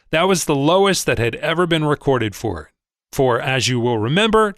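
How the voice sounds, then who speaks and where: A male narrator tells a first-person story in a measured, expressive way. His pitch rises and falls freely over a mid-range voice, and the close-miked recording is dry. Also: dry recording. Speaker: audiobook narrator. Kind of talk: scripted narration.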